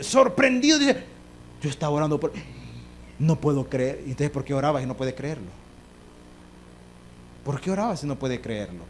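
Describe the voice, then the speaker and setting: A man's voice: sits high, slight background noise. A man preaching a Bible study with a Salvadoran Spanish accent, emphatic, asking rhetorical questions and swinging his voice up and down. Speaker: pastor. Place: church.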